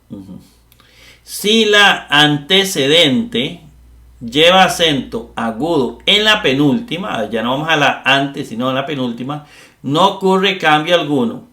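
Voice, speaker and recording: A man's voice: on the high side, pushed and bright, roomy sound. A man teaching a grammar lesson, explaining step by step and often checking in with his listeners. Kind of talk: classroom lecture.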